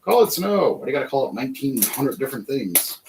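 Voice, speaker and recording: A man's voice: mid-range voice, sing-song, fast, creaky. American male streamer, casual rambling chat, musing asides, faint background noise. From United States. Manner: rambling, musing aloud with rhetorical questions. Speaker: livestream host building toy bricks.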